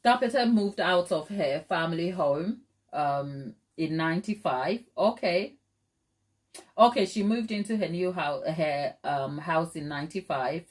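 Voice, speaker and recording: Her voice fairly low and a little slow, a middle-aged woman from Ghana casually talks through viewer comments on a live stream. Laughter and fillers come up constantly.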